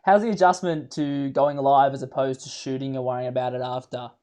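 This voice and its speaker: A young man, hosting a casual live chat, excitable and full of fillers. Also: medium pitch, a little fast. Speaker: host.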